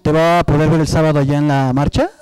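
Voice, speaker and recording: A man's voice: a little high, fairly even intonation, fast, a little mellow, smooth, dry recording, poor audio. A man co-hosting a studio talk show, light and teasing, on a handheld mic. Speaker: co-host. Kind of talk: casual studio chat. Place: TV studio set.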